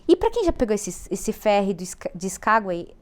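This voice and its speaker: A woman's voice: mid-range voice, sing-song, normal speed. A woman with a Brazilian Portuguese accent, an interview guest animatedly telling a travel anecdote with laughter. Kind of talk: storytelling anecdote.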